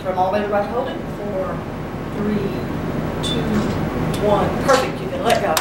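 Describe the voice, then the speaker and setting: A woman's voice: medium pitch, fairly even intonation, moderate pace. A woman tour guide explaining a missile complex step by step in short listed phrases, her voice echoing inside a concrete silo. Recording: heavy echo in concrete silo, distant from mic, loud background noise.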